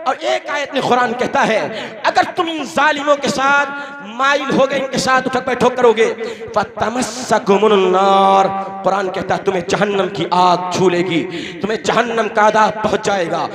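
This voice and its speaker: A male preacher giving a fiery sermon to a gathering, rising to shouts and leading the crowd in call-and-response chants. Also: very high voice, normal speed. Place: public religious gathering. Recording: audience noise behind.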